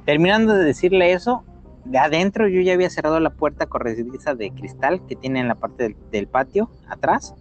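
Animated Mexican man telling a ghost story. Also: a little high, fairly quick, soft background music. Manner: animated, voices sound effects and quotes. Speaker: storyteller guest. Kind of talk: casual paranormal storytelling.

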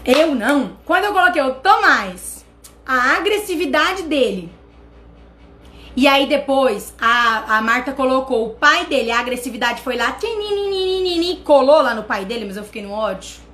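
A Brazilian woman with a Brazilian accent, hosting a channel and telling a personal story in an animated way, talking straight to her viewers. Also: high voice, normal speed. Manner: animated, addresses viewers directly. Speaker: channel host.

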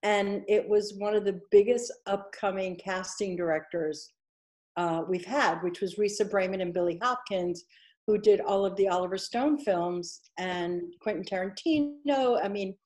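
A woman's voice: medium pitch, a little slow, a little mellow. Chatty middle-aged woman telling stories. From New York. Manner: chatty, laughs easily while telling stories. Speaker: casting director, guest. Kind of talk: casual interview chat.

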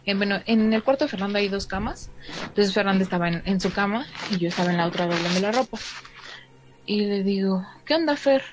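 A woman with a Mexican Spanish accent telling a story in a relaxed, chatty way, acting out what each person said. The recording is slightly dull, with a faint hiss behind her. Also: medium pitch, a little fast. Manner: chatty, fills in with "o sea", acts out the dialogue. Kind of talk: casual storytelling to a listener.

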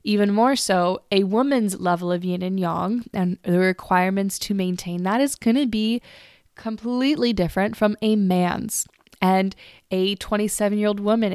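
A woman in her twenties talks through her podcast in an earnest, chatty way, often doubling words as she restarts a thought. Her pitch sits in a middle range for a woman. The sound is dry and close to the mic, with no room in it. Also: fairly even intonation, moderate pace, darkish tone, smooth, no echo. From United States. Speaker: podcast host. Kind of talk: casual solo podcast talk.

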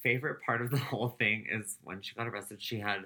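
On a podcast he co-hosts, a man rattles off celebrity gossip in casual chat, laughing as he tells it and trailing off with "um." His voice is on the low side, quick, bright and forceful.

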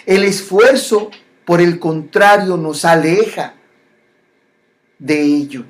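Reflective spiritual speaker. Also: medium pitch. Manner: slow, repetitive phrasing with many pauses and restarts.

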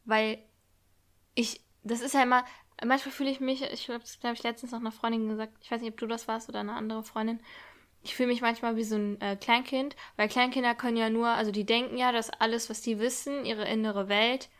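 During a casual chat, a young woman supports her friend as a listener, offering reflective comments loaded with slang. Her fairly high voice stays level in tone and moves briskly.

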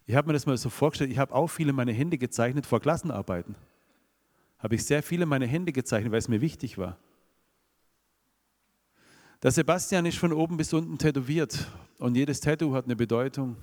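A man's voice: mid-range voice, brisk, a little mellow. A man with a Swabian accent preaching a sermon, asking the congregation rhetorical questions. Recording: long reverb of a hall.

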